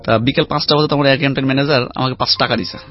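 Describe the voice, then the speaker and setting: Fast-talking storyteller man. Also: medium pitch. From Khulna region, Bangladesh. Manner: lively anecdotal storyteller, chatty. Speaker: guest. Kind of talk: casual life-story telling. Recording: dull lo-fi sound with faint music.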